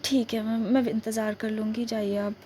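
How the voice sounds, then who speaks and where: A woman's voice: fairly high pitch, little pitch movement, moderate pace, dark tone, a little hiss or hum, lightly acted. A woman voicing a young woman stranded behind enemy lines in an ASMR role-play, grumbling to herself and pleading with stammers. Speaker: ASMR roleplay performer.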